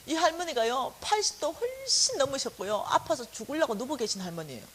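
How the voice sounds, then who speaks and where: Animated high-voiced woman telling a testimony. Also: normal speed, low-quality recording. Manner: animated storytelling, acting out quotes. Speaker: church staff lecturer. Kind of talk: sermon-style testimony. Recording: faint hiss.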